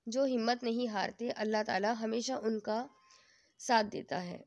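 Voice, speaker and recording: A woman's voice: on the high side, steady tone, normal speed, natural voice. A woman reading the lines of a playful young husband who teases and comforts his wife. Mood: teasing, tender. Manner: teasing, coaxing.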